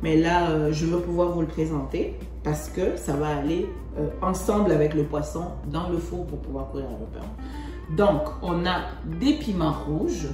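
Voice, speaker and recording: A woman's voice: sits low, normal speed, echoey room, over music. A woman from Congo giving a cooking demonstration, chatting and rephrasing herself as she works. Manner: chatty, repeats and rephrases while working. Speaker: home cook presenting a recipe.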